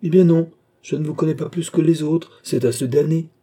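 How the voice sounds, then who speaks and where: Kindly court doctor, dark husky tone, musing then exasperated, read by a man. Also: medium pitch, normal speed, lightly acted.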